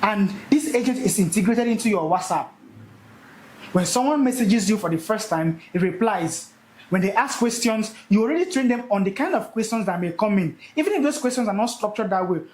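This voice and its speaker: A young man teaching a live session, animated and repeating key words for emphasis. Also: sits high, moderate pace, reverberant, rough recording. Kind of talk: energetic classroom teaching.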